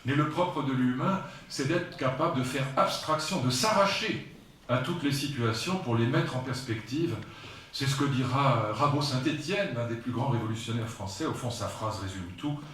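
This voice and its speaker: In a very reverberant lecture hall, a distant microphone captures a French man in his sixties giving a public talk on philosophy. He speaks at normal speed in a mid-range, fairly bright voice, wandering off on tangents, stressing points emphatically, and making asides to listeners. Slight hiss or hum is audible.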